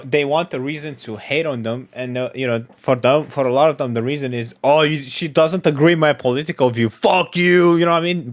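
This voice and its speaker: A man's voice: mid-range voice, fairly bright tone, dry recording, studio quality. A man in casual chat, blunt and profane.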